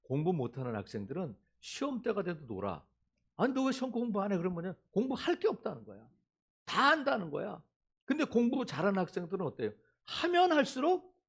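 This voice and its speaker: A male pastor preaching a sermon, asking the congregation questions and acting out quoted voices. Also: high-pitched.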